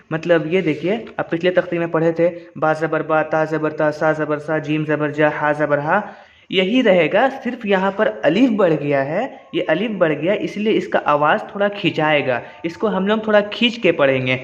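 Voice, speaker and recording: Man, patient reading teacher, stretches syllables slowly, slightly high voice, dull lo-fi recording. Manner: drawls syllables slowly when demonstrating, brisk when explaining. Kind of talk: patient step-by-step lesson.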